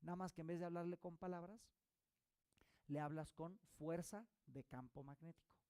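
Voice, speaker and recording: A man delivers a course lesson in a gravelly, mellow voice pitched a little high. He explains ideas by posing rhetorical questions and checking in with his listeners. The sound is dry and close. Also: steady tone, normal speed, no room sound. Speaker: holistic therapy instructor. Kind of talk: recorded course lecture.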